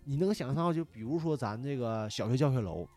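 A man telling a story in casual chat, animated and swearing, shouting out parts of the tale. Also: medium pitch, quick pace, soft background music. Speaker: podcast guest.

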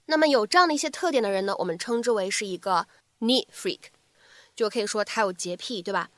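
A woman English teacher giving a spoken English lesson, lively, explaining in short chunks and repeating phrases slowly. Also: medium pitch, no room sound.

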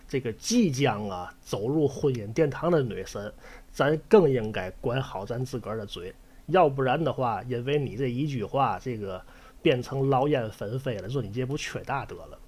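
A husky man hosts a storytelling show in a chatty, folksy manner. His pitch swings widely as he acts out the quoted lines. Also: darkish tone. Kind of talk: casual storytelling commentary.

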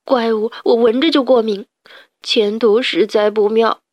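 A woman's voice: fairly high pitch, fairly even intonation, a little slow, darkish tone, no room sound, highs cut off, natural voice. A frightened young sheep, played by a woman storyteller, mumbling fearfully. It sounds like a close, dry children's audio story. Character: timid young male sheep.

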